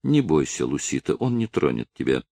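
A calm old village elder in a storybook, speaking low and soft with steady, measured firmness, as a narrator puts him on. The recording is dry and close, with a deep male tone. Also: no room sound, full character voice. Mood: calm, firm.

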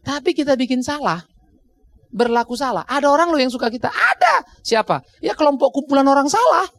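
A man's voice: very high voice, animated, fast talker, dry recording. A middle-aged male pastor, preaching a sermon in a conversational way, often laughing at his own stories. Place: church.

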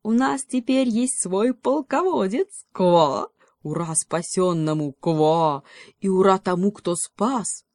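A woman voicing a chorus of little frogs in a fairy tale, cheering with croaks. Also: mid-range voice, takes it slowly, a little mellow, no echo, clean studio sound.

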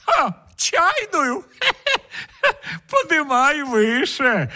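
Man playing a loud laughing freeloader guest, high voice swooping wildly. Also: heavily acted. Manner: boisterous, laughing, gloating. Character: greedy jolly male dinner guest, pushy. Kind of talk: humorous story reading.

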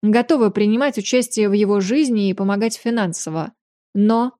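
A woman's voice: medium pitch, fairly quick, dark tone, no echo, clean studio sound, lightly acted. A woman voicing a composed, dignified middle-aged duke who speaks evenly and respectfully in an audiobook. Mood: calm.

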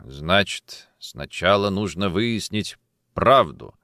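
A man's voice: lively intonation, slow, no echo, studio quality, heavily acted. A male audiobook reader voicing a stern police major who questions coldly and insistently. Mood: probing. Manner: cold, insistent questioning, low and quiet at times. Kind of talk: audiobook character reading.

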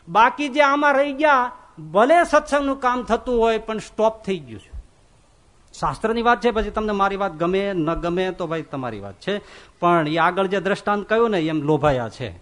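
A swami giving a religious discourse, telling stories in an animated way and acting out the voices of the figures. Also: male voice, high-pitched. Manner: animated storytelling, acts out quoted voices. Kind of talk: Gujarati religious sermon.

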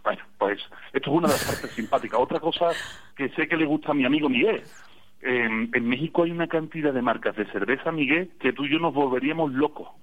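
Andalusian man calling in to radio, chatty wry storyteller, thin phone-line sound, mid pitch. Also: quick pace, a bit bright. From Spain. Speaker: radio guest calling in from abroad. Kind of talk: casual radio chat.

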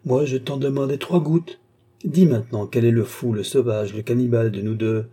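Casting: male reader doing an old sneering alchemist, dark husky voice pushed higher, taunting. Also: fairly even intonation, moderate pace, natural voice. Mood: mocking. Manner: taunting, rising to fierce outbursts. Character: old scornful male alchemist, cold, mocking. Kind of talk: audiobook character voice.

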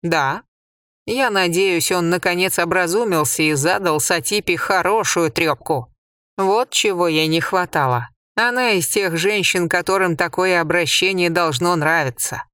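A reader voicing a sharp-tongued, scornful old grandmother in an audiobook, speaking slowly and mockingly. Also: lowish voice, clean tone, no room sound, clean studio sound. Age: older. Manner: mocking, blunt. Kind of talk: audiobook character voice.

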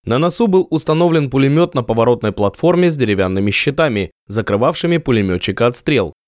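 Male audiobook narrator, lively reading, dry room. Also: medium pitch, dry recording. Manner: lively, measured storytelling. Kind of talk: scripted narration.

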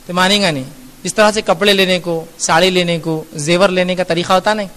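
A man's voice: sits high, fairly even intonation, a bit bright, in a large hall. A man giving a Q&A religious lecture, earnest and admonishing, explaining through everyday examples. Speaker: Islamic lecturer answering audience questions.

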